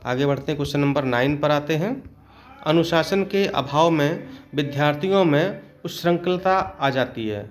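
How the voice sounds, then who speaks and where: A man teaching an exam-prep lesson in a fairly high voice. He works through each question steadily and keeps checking in with his listeners as he goes. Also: moderate pace. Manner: explains step by step, often adds a checking "okay".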